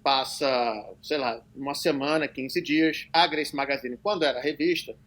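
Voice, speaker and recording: Middle-aged man, high bright voice, loose and profane storyteller. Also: steady tone, moderate pace. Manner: loose, profane anecdote-telling with laughs. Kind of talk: casual chat.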